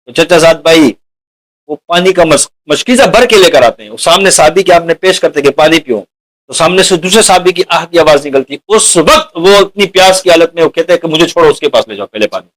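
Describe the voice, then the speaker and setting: A man with a high-pitched voice delivers a sermon. He keeps putting rhetorical questions to his listeners and calls them dear companions. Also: a bit bright, low-quality recording. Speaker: preacher.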